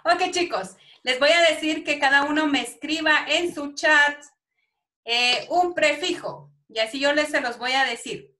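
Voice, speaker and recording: A woman teacher with a Guatemalan Spanish accent, running an online class for young pupils, calling them affectionate names and reading words out slowly. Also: high-pitched, pushed and bright. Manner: affectionate, calls pupils "mi amor". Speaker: primary school teacher.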